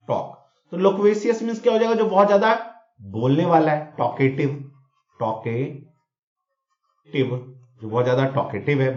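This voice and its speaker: A man teaching vocabulary in a mix of Hindi and English, repeating words and checking in with students. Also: a little high. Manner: explains with mnemonics, repeats words, frequent "theek hai na?" checks. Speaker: exam coaching teacher. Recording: echoey room, dull lo-fi sound.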